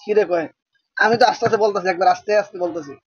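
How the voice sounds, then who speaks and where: A man teaches a religious-school class. He keeps asking the students short questions, repeats their answers back, and slows down to dictate. The recording is dry and somewhat muffled. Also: sits high, slightly rough, dry recording. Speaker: madrasa teacher. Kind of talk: classroom lecture with call-and-response questions.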